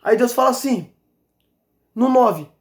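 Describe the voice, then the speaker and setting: A man preaching a fervent sermon as an evangelist, exhorting and repeating his points with shouts of praise. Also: very high-pitched, lively intonation, takes it slowly. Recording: roomy echo.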